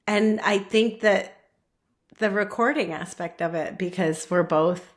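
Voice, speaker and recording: A woman's voice: mid-range voice, unhurried. A woman actor talking as a podcast guest in a casual, gushing way, laughing easily. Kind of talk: casual chat.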